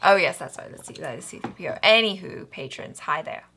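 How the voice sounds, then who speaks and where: A woman's voice: lowish voice, expressive, fast, pushed and bright, a little hiss or hum. A woman co-hosting a reaction video, chatting in a playful, self-mocking way. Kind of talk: casual reaction chat.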